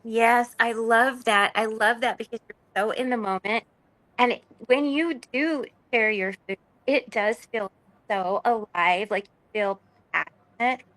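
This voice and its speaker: A woman's voice: on the high side, measured pace, fairly bright tone, no echo, poor audio. A woman leading a cacao ceremony chats enthusiastically on a live video call from her phone, and her audio keeps cutting out. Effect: audio cutting out in dropouts. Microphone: phone microphone.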